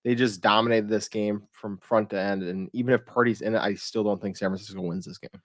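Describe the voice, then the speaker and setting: A man's voice: lowish voice, steady tone, brisk, no room sound, clean studio sound. A man co-hosting a sports podcast, laid-back and hesitant, with frequent fillers. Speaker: podcast co-host. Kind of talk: casual sports talk.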